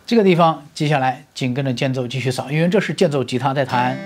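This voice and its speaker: A man's voice: mid-range voice, fast talker. A man giving an electric guitar lesson, explaining step by step with everyday comparisons and often checking "right?" with the learner. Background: guitar playing.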